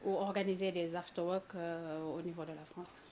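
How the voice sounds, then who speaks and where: A woman interviewing a singer, asking halting questions with many fillers. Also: lowish voice, little pitch movement, a little mellow, slight background noise.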